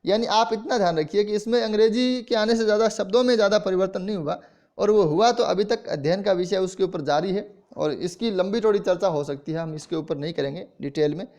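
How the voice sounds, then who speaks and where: High-voiced male Hindi lecturer. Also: darkish tone. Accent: Rajasthani Hindi. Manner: explains slowly, demonstrates pronunciation aloud. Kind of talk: classroom lecture.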